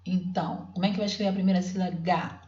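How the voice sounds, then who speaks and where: A woman teacher patiently explaining how she guides young children to write, sounding out syllables slowly. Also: lowish voice, fairly even intonation, mellow, echoey room, lo-fi sound. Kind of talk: explaining classroom literacy work.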